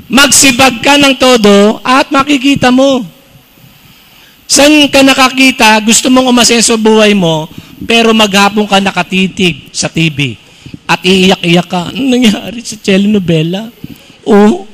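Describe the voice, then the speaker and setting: A man's voice: high voice, low-quality recording. A middle-aged man preaching a humorous sermon to a congregation, mixing Tagalog with English phrases and calling out to the crowd. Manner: joking, animated preaching with call-outs to the crowd. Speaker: pastor.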